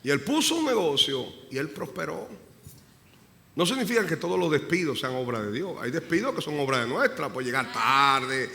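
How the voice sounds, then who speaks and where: A male pastor preaching a sermon with passion. He swings from hushed prayer to loud emphasis and repeats phrases to drive them home. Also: on the high side, big pitch swings, normal speed, gravelly. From Dominican Republic. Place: church sanctuary. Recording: live church recording with long reverb and faint room noise.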